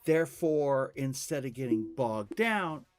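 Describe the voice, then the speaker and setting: A man hosting a casual podcast conversation, talking in an unhurried, reflective way. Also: mid-range voice, expressive, no room sound, soft background music. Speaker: podcast host.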